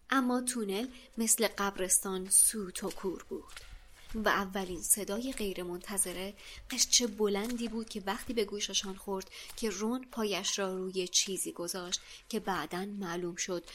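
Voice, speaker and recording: Woman narrator, hushed, suspenseful, near whisper, mid-pitched, audiobook reading. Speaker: podcast co-host reading the book.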